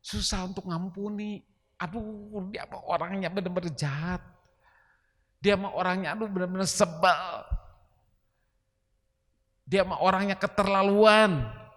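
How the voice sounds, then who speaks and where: A man's voice: high-pitched, a little slow, long pauses, fairly bright tone, pitched above the performer's own voice. A man voicing a resentful person who refuses to forgive, sighing in exasperation. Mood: exasperated. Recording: long reverb of a church hall.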